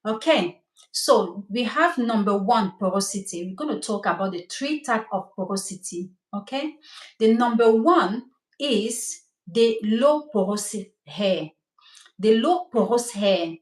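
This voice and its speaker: On a live stream in an echoey room, this hair coach and cosmetologist teaches hair care in a mid-range voice that is animated and a little slow. She's a middle-aged woman from Cameroon, a native French speaker whose accent is Cameroonian French, and she speaks with eager enthusiasm while repeatedly checking on her audience.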